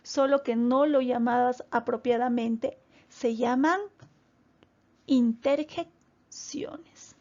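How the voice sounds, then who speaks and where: A woman teaching a grammar lesson to children, explaining slowly and deliberately and addressing them directly. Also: on the high side, steady tone, a little mellow, dull audio. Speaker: primary school teacher.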